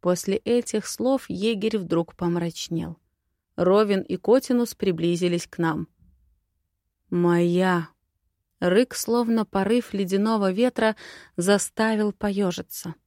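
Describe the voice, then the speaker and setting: Expressive woman reading an audiobook, dry. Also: medium pitch, a little slow, dry recording. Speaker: audiobook narrator. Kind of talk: first-person audiobook reading of a romantic fantasy.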